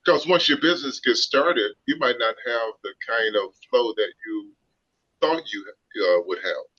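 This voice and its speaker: A man's voice: expressive, a little slow, a bit bright. A man speaking informally as a commissioner at a public meeting, giving conversational advice with some hesitation. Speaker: license commissioner. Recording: muffled low-fidelity meeting audio.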